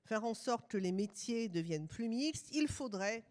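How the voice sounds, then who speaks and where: A woman's voice: fairly high pitch, lively intonation, moderate pace, a little mellow. A middle-aged woman from France with a French accent, giving a conference lecture with ironic asides.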